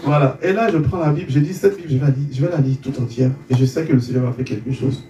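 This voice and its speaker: This fast-talking man from Côte d'Ivoire, his voice on the high side, gives an interview testimony full of stumbling repeated words and acted-out dialogue. Crowd noise can be heard. The recording is roomy, picked up on a distant mic with a faint background hum.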